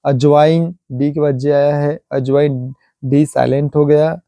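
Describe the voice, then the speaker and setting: A man teaching English pronunciation in Hindi, explaining rules slowly, repeating each example word, and slipping in simple English sentences. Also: on the high side, steady tone, gravelly, mellow, dry recording.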